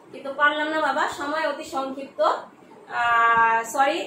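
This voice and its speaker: Background noise accompanies the high-sitting voice of a middle-aged Bangladeshi woman teaching geography online from a room in her home. Her manner is chatty and motherly, full of filler sounds, and the recording is echoey with the mic placed far away.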